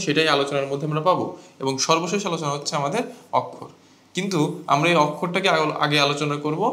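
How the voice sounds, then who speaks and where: A man's voice: a little high, fairly bright tone, reverberant. A man teaching a grammar lesson to students, explaining step by step and asking them questions. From Bangladesh.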